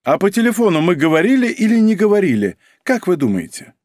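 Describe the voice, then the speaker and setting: Brief: nervous cowardly clerk, read by a man, husky whining mutter, pitched high, bone-dry studio sound. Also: sing-song, fast talker, a little mellow, dry recording. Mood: indignant excited. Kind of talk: audiobook character voice.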